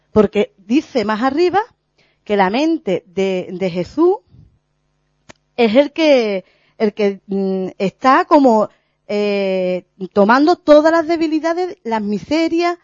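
Earnest woman, lively voice. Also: on the high side, no echo. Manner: earnest, halting, many restarts and fillers. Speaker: lay preacher sharing a spiritual reflection. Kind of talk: informal religious talk. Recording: dull lo-fi recording.

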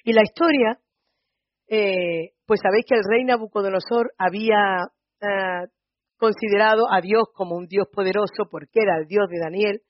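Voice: mid-range voice, moderate pace, dry recording. A preacher with a Spain Spanish accent, retelling a Bible story in a conversational, storytelling teaching style and often checking in with listeners. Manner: storytelling, often adds checking tag questions. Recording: dull, slightly lo-fi recording.

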